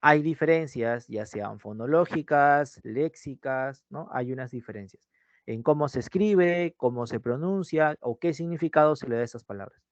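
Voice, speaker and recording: A man's voice: medium pitch, normal speed, no room sound. A man giving an online pre-university language class, often repeating his key phrases and checking in with "¿sí?". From Peru. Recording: dull, dry lo-fi mic sound.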